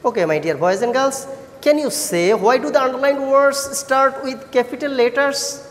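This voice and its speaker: A woman with a Bangladeshi accent teaching an English lesson to children, encouraging and praising like a kids show host, with deliberate sing-song questions. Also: high voice. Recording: echoey hall-like reverb.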